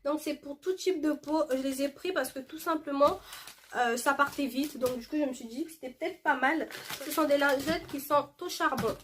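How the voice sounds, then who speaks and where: A woman's voice: sits high, normal speed, a bit bright, a little hiss or hum. A woman chatting casually to camera in a beauty haul video, reading product labels aloud with lots of fillers. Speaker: beauty vlogger showing a shopping haul.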